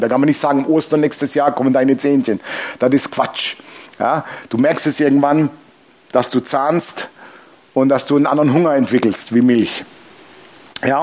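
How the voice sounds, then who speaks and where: Ein älterer Mann, der als Pastor lebhaft und humorvoll predigt und dabei Bibelverse vorliest. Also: male voice, on the high side. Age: older. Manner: lively, humorous preaching with Bible reading aloud. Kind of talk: sermon.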